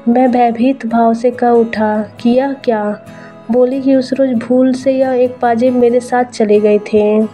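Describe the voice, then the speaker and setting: A woman narrating a story as a scripted reading, in an even, measured way. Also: on the high side, faint music behind.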